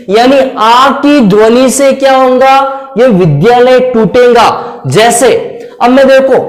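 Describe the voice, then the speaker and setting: Male teacher, slow deliberate lecture, repetitive coaxing manner, roomy echo. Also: very high-pitched. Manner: repetitive, coaxing, keeps saying "ok friends". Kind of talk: classroom lecture. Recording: echoey room.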